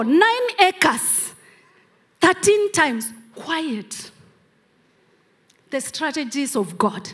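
A middle-aged Kenyan woman, a pastor whose first language is Kamba, preaches a sermon from the stage of a large church hall into a handheld mic. Her voice is very high-pitched with a fairly bright tone, and she leans on emphatic repeated phrases.

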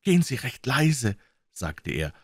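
A man's voice: medium pitch, very animated, takes it slowly, slightly rough, no echo, clean studio sound, voice pushed up, full character voice. A man doing a frightened old manservant. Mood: urgent. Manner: urgent, pleading. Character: old frightened male servant, loyal, agitated.

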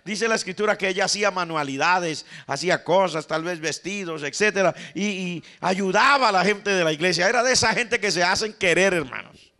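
A Colombian man preaching a sermon in a bright, forceful voice that sits a little high. He tells stories and acts out what the people in them say, turning often to his listeners as "brother". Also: a little fast. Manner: storytelling preacher, calls the congregation "hermano", acts out the quoted lines. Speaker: pastor.

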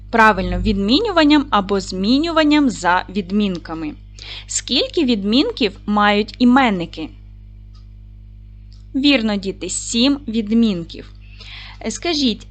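A woman primary school teacher giving a recorded video lesson, speaking clearly and encouragingly to the children. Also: on the high side, highs cut off. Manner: clear, encouraging classroom delivery.

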